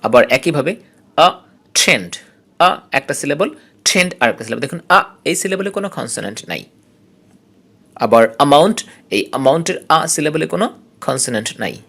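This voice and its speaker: A man with a Bangladeshi accent teaching English phonetics, reading definitions out slowly and explaining each part. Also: on the high side, lively intonation, creaky, a bit bright, husky. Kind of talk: slow classroom explanation.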